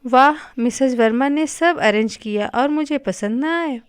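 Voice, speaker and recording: A woman's voice: sits high, a little slow, smooth, dry recording, clean studio sound. A woman reading a novel aloud, voicing a hearty, joking middle-aged male doctor. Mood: jovial.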